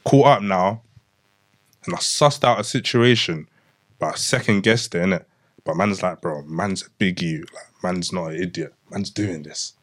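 A man's voice: deep voice, moderate pace. A young man with a London roadman accent, telling a story casually among friends in heavy slang and tagging sentences with innit. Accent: London roadman, multicultural London English. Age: young adult.

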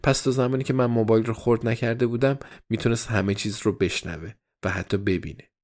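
A man reading a story aloud as first-person diary narration, in a measured, even storytelling manner. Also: on the low side. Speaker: audiobook narrator.

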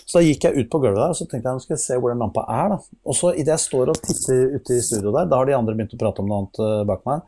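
A man's voice: mid-range voice, few pauses, mellow, slight background noise. A man telling a story in conversation, full of hesitant fillers, his voice climbing as the story builds. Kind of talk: animated anecdote in conversation.

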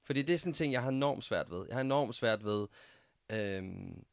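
A man's voice: medium pitch, expressive, gravelly, no echo, clean studio sound. Hesitant man hosting a podcast. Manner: hesitant, searching for words with many fillers. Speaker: podcast host. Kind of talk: conversational interview.

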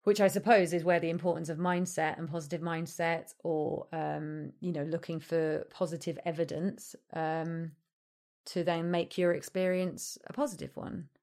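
A woman with a slightly low voice talks off the cuff in a loose, rambling monologue. She is hesitant and self-deprecating, letting thoughts trail off before circling back to them. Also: little pitch movement, moderate pace, darkish tone. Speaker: content creator.

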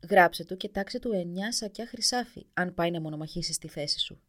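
A woman's voice: lowish voice, dry recording, studio quality, close to an everyday voice. A woman voicing a caring young princess speaking to her father. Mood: earnest.

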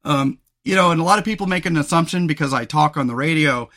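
Bright-voiced man hosting a podcast. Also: a little high, quick pace. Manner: rambling and reflective, many fillers and restarts. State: losing his voice, clears throat often. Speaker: podcast host. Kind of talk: solo podcast monologue.

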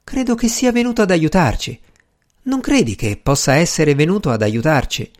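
A man reading a novel aloud, voicing a tender, hopeful young woman in a soft, pleading tone. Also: on the high side, lively intonation, normal speed, natural voice. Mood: wistful, eager. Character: young English lady, tender and hopeful, dreamy.

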